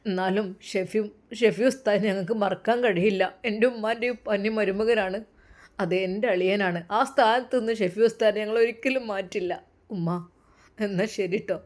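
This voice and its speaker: A woman voicing a soft-spoken young male cleric. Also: mid-range voice, fairly even intonation, a little fast, natural voice. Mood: gentle. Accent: Malabar Malayalam. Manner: soft, pleading, quiet.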